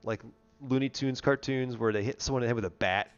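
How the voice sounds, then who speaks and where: Speaking fast in a smooth, steady voice of medium pitch, the host of a live car show chats and tells casual stories. He sounds congested, nasal and worn, and the lo-fi stream audio is dull.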